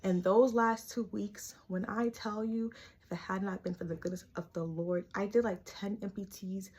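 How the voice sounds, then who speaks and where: A woman's voice: medium pitch, fairly even intonation, moderate pace, a little mellow, breathy edge. Earnest young woman, heartfelt vlog. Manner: earnest, heartfelt, chatty with many "like" fillers. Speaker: vlogger sharing a faith testimony. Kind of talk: casual confessional talk to camera.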